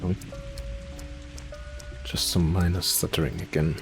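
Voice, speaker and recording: A man hosting a let's play, thinking aloud in casual gameplay commentary, his voice slightly hoarse and cracking. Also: low voice, little pitch movement, a little slow, faint music behind. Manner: thinking aloud, hesitant, muttering directions.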